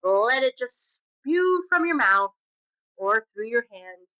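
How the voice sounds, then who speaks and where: Bright-voiced woman life coach. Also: on the high side, big pitch swings, takes it slowly, no room sound, poor audio. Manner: earnest, self-reflective, speaks about herself openly. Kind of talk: solo spiritual podcast talk.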